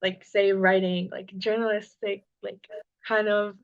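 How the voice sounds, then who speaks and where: A woman's voice: medium pitch, flat delivery, unhurried, lo-fi sound. A young woman from Venezuela, a guest answering interview questions hesitantly, with many filler words. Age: young adult.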